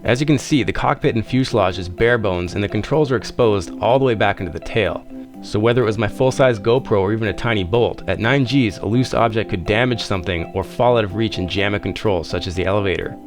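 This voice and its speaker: Lowish-voiced man narrating a flying video. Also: fast talker. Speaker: host narrator. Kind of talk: scripted narration. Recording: voice-over with music bed.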